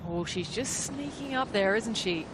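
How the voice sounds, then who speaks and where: A woman's voice: medium pitch, lively intonation, a little slow. A woman working as a golf commentator, giving conversational live television commentary on tournament play. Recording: clear outdoor course ambience noise. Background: outdoor ambience.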